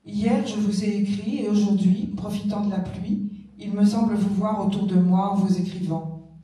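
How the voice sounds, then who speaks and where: A reader giving a steady public reading of old letters. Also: mid-range voice, normal speed. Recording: echoey room, voice from far off.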